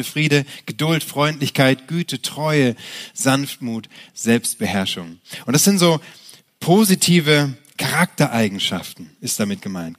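A man in his thirties preaching a sermon as pastor, lively and direct, often restarting phrases and asking the listeners rhetorical questions. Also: medium pitch.

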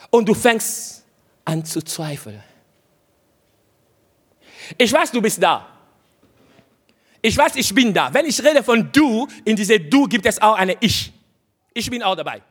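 This male preacher has a high, slightly bright, husky voice. He addresses his listeners directly, driving home short exhortations again and again.

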